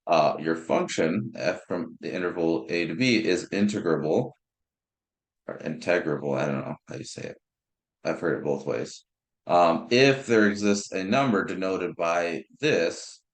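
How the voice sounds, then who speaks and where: A young man teaching a math class in an informal way, often restarting words and thinking aloud. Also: low-pitched. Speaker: math instructor. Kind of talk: recorded lecture. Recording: roomy echo.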